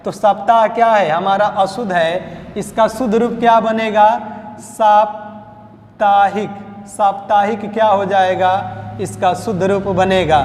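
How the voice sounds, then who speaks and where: A man with a Hindi accent teaching a spelling lesson in a coaching class. He drills each word by slow repetition and quizzing. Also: high-pitched, steady tone, a little mellow. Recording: echoey classroom hall.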